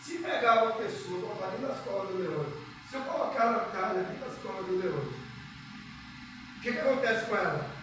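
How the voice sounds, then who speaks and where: A man with a Brazilian Portuguese accent preaching a sermon, moving between loud, drawn-out scripture reading and soft, close talk to listeners, leading the congregation in call-and-repeat prayer. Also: high-pitched, lively intonation. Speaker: pastor. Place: church hall. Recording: echoey hall, distant mic, background noise.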